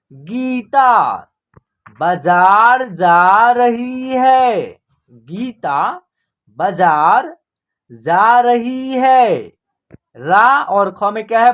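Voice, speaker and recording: A woman teaching children to read, sounding out words slowly syllable by syllable and explaining quickly in between. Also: a little high. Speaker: Hindi reading teacher. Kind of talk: online reading lesson.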